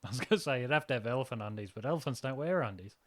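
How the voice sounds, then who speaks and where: A man co-hosting a podcast, blunt and quick to laugh in crude banter. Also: mid-range voice, expressive. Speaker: podcast co-host.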